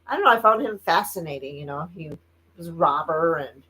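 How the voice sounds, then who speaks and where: A woman's voice: sits low, lively intonation, a little fast, bright, forceful tone, breathy edge, poor audio. A woman from Indiana co-hosting a live stream, chatting casually, laughing often and reading viewer comments aloud. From Indiana, United States.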